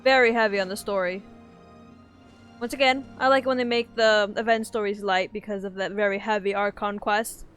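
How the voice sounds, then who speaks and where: A woman's voice: medium pitch, fairly even intonation, normal speed, fairly bright tone, soft background music. A woman streamer chatting casually with wry asides while playing a game.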